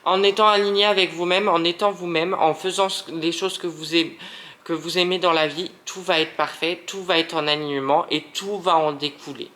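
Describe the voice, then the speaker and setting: Male tarot reader from France, casual and animated, jokes at his own expense while addressing viewers. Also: on the high side, normal speed. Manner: animated, self-mocking, talks straight to viewers. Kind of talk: casual monthly tarot reading.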